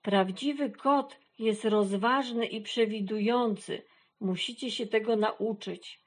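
A prudent male cat from a children's storybook who scolds the kittens and gives lessons, voiced by a woman reader. He talks slowly and sternly. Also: mid-range voice. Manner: admonishing and didactic. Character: wise lecturing older male cat.

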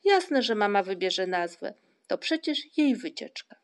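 A woman reading the part of Moominpappa, a proud, excitable father troll, in a storybook. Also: medium pitch, measured pace. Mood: emphatic. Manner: proud, emphatic.

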